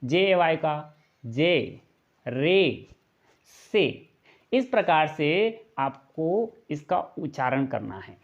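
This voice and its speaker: A man with a fairly high voice teaches English pronunciation in a video lesson, very animated and drawing out his words. He explains patiently, step by step, repeating each point and asking rhetorical questions, though the recording is muffled.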